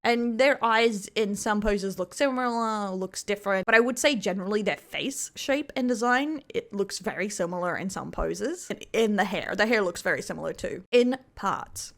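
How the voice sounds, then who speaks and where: A woman's voice: mid-range voice, normal speed, few pauses, a bit bright. A woman with an Australian accent narrating a commentary video in a rambling, self-correcting way.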